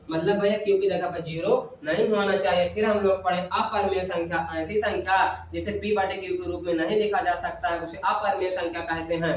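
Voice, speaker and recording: A man's voice: high voice, slight background noise. A male maths teacher recapping a lesson, asking questions and answering them himself in a call-and-response drill. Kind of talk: classroom recap lecture. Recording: very echoey room, voice from a distance.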